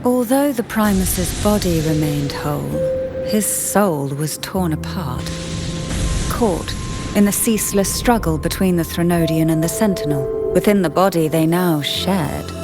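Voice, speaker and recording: Voicing a secretive, poised noblewoman whose old family has fallen into disgrace, a woman delivers measured video game exposition in a solemn mood. Her voice is on the low side and close to everyday speech, composed, refined and deliberate, over background game music.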